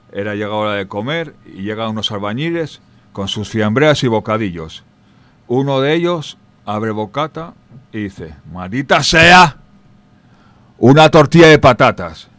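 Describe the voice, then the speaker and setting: A man with a Spain Spanish accent telling stories and jokes in a chatty way, talking straight to his listeners. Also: fairly low pitch. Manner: chatty, addresses listeners directly, with restarts. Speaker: storyteller. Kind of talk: informal storytelling and jokes.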